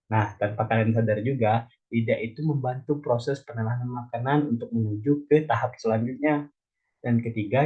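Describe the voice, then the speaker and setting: A man's voice: medium pitch, slightly rough, narrow, tinny audio. A young man from Indonesia teaching an elementary school biology lesson, explaining step by step and putting questions to the children. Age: young adult.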